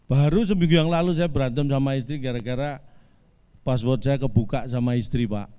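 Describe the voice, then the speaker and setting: A man in his forties delivers a comic monologue with a straight face, calling the listeners sir and madam. His voice is mellow and warm, sitting at an everyday middle pitch. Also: fairly quick, clear, resonant tone. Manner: deadpan, absurd twists, addresses audience as Bapak Ibu. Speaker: stand-up comedian. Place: virtual family gathering.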